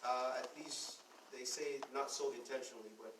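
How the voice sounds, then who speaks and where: A man's voice: medium pitch, fairly even intonation, normal speed. Brief: man from Guyana, city official addressing a room, chatty delivery with lots of fillers, distant mic, echoey hall, background noise. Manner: conversational, with many fillers and repeated words. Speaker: city official presenting to business owners. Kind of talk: public presentation. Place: consulate meeting room.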